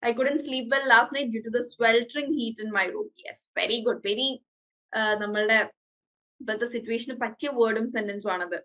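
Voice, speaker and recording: A woman's voice: on the high side, slow, bright, forceful tone, lo-fi sound. A woman with a Malayali accent teaching an online English class over a video call, mixing English and Malayalam with frequent hesitations. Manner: switches between English and Malayalam, hesitant fillers.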